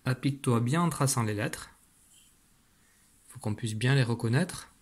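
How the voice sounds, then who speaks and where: In a recorded video lesson for young children, a man with a slightly husky, middle-pitched voice teaches patiently. He explains each step slowly and carefully.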